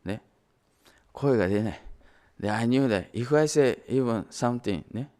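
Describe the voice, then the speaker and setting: Speaking in an animated yet unhurried way, with a mid-range and slightly mellow voice, an older minister from Japan shares stories during his sermon. He is a native Japanese speaker and moves back and forth between Japanese and English.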